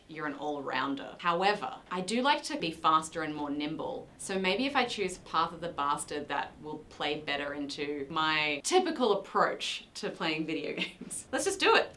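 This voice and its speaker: Speaking at a moderate pace with hardly any pauses, a young New Zealand-raised woman uses a low-pitched, bright, forceful voice with lively intonation, amid slight background noise. She hosts a casual let's-play from a small decorated room, game music playing, joking at her own expense and exclaiming at the action.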